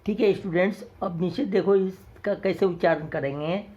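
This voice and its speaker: A man teaching a recorded primary school lesson, deliberately saying each letter twice so young pupils can copy it. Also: high voice, a little mellow. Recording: dull lo-fi recording.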